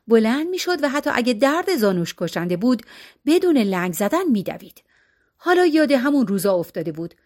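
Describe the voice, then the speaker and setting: A woman narrating a story in a steady storytelling voice, shifting expressively from line to line. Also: on the high side. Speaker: audiobook narrator.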